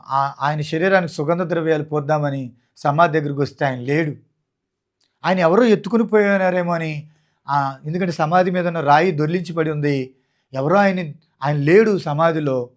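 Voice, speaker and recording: A man with a Telugu accent preaching a sermon, quoting scripture and speaking directly to his listeners. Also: a little high. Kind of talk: Telugu sermon on Bible passages.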